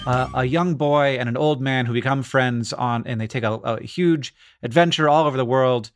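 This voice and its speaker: A man's voice: medium pitch, moderate pace, no room sound, clean studio sound, faint music behind. A man co-hosting a podcast in casual, playful, jokey banter. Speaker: podcast co-host.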